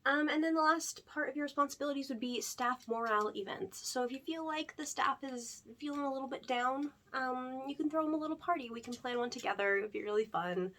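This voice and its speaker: A woman's voice: high-pitched, a little fast, few pauses, a bit bright. A woman playing a rambling pizzeria staffer, ASMR role-play. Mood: chatty. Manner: rambling and upbeat, full of fillers and nervous joking. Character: chatty young female pizzeria staffer interviewing a hire. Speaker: ASMR creator.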